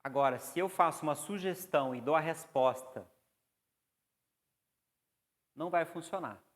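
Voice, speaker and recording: A man's voice: a little high, moderate pace. Man, Brazilian Portuguese accent, lecturer, asks the class questions, long reverb of a large room. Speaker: psychoanalysis lecturer.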